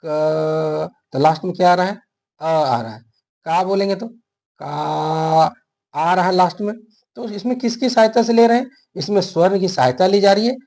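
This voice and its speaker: A man's voice: fairly high pitch, a little mellow. A man teaching a grammar lesson for an exam, explaining step by step and answering his own questions.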